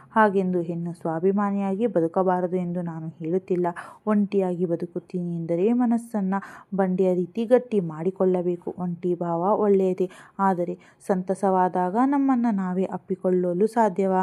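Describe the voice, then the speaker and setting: A woman's voice: on the low side, mellow, lightly acted. A woman voicing a blunt but caring young woman who gives a friend scolding, coaxing advice in a storybook reading.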